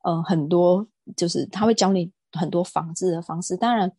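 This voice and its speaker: A woman, a guest on an interview show, telling stories in an outspoken, animated way. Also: on the low side, normal speed, slightly rough, dry recording. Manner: outspoken, self-described fiery temper; animated storytelling. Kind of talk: casual interview talk.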